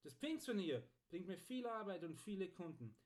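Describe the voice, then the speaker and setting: A man's voice: high voice, very animated, normal speed, darkish tone, pitched above the performer's own voice. A man voicing a cheerful, proud blacksmith in an audiobook story. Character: cheerful, proud middle-aged male blacksmith. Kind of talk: audiobook character voice.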